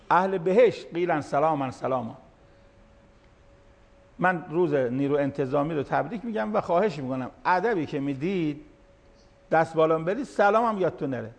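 A man's voice: fairly high pitch, gravelly. A man near seventy giving a sermon-style lecture as a cleric, explaining verses line by line in plain talk. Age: late 60s. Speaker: cleric speaking to an audience of managers.

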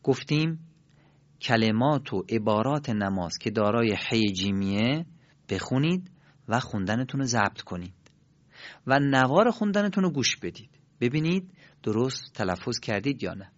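A man's voice: medium pitch, lively intonation, no echo, dull audio. A man teaching Quran recitation, who demonstrates throat sounds patiently and has listeners repeat after him. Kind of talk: recorded tajweed lesson.

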